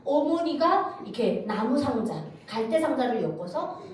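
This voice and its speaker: A woman from North Korea giving a church testimony, telling her story in a lively way and acting out the voices she quotes. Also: sits high, normal speed. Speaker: guest speaker giving testimony. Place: church sanctuary. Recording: echoey church hall, distant mic, faint noise.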